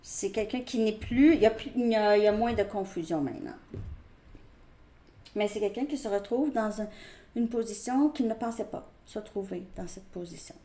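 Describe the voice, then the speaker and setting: A woman's voice: mid-range voice, dark tone, roomy sound. A woman with a Québécois French accent giving a casual tarot reading. She talks to her viewers in a chatty way and repeats herself. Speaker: tarot reader.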